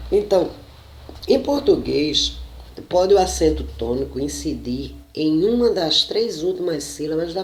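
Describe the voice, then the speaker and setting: A Brazilian teacher giving a slow spoken lesson, explaining and checking in with the listener as he goes. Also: medium pitch. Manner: slow, deliberate, frequent "né?" and self-corrections. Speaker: Portuguese teacher. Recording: roomy echo.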